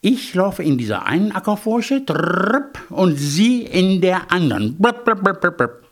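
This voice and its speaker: A man's voice: sits high, very animated, measured pace, gravelly, voice pushed up, full character voice. A man voicing a polite, cunning male hedgehog in a storybook tale, cheerful and scheming. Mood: eager. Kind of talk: storybook character voice.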